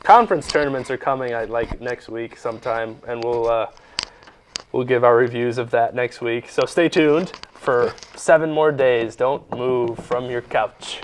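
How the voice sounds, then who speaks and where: A man's voice: medium pitch, moderate pace, slight background noise. Joking young man co-hosting sports talk. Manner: joking, teasing, sarcastic. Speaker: sports show co-host. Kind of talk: casual sports talk banter.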